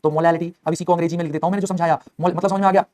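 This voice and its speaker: Fast-talking, coaxing chemistry teacher man. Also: on the high side. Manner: energetic, coaxing, voices students' replies himself. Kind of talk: online lecture.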